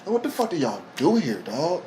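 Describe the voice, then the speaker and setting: A man's voice: a little high, wildly swooping pitch, brisk, dark tone, a little hiss or hum. A man co-hosting a podcast, rambling through stories in casual, profane slang. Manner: rambling anecdotal storytelling. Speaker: podcast co-host. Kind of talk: casual chat.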